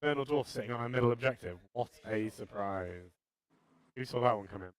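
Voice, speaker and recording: A man's voice: medium pitch, brisk, clear, resonant tone. A man who is a tournament player rambling casually, thinking aloud in a dryly jokey, self-deprecating way.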